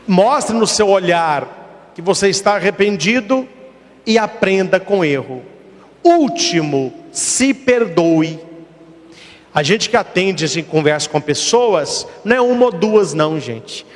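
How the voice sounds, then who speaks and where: Lively high-voiced man preaching in a reverberant hall. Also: unhurried. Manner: storytelling with acted dialogue and rhetorical questions. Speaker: priest. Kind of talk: sermon.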